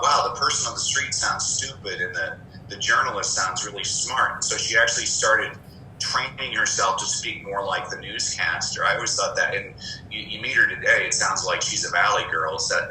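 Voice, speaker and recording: A man being interviewed, a former English teacher who tells lively anecdotes and slips into voices he mimics. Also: lowish voice, roomy sound, a little hiss or hum, low-quality recording. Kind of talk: conversational interview storytelling.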